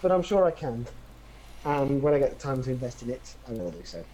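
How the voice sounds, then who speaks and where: A man's voice: medium pitch, big pitch swings, fairly quick, dark tone, poor audio. Easygoing man with faint background hiss. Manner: easygoing, wry, thinks aloud. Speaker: podcast co-host. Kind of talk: casual chat.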